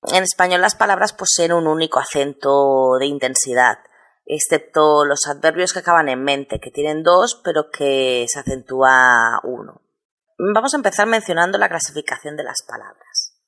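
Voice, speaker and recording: In a low, expressive voice with a slightly bright edge, a woman teaches Spanish spelling rules in a recorded lesson. She is patient, breaking things down step by step and slowly sounding out syllables.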